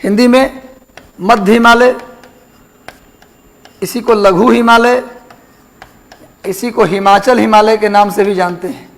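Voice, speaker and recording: A man's voice: high-pitched, fairly even intonation, slow, pauses often, poor audio. A man teaching a geography class, repeating terms and quizzing his students. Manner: repetitive, asks students questions. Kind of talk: classroom lecture.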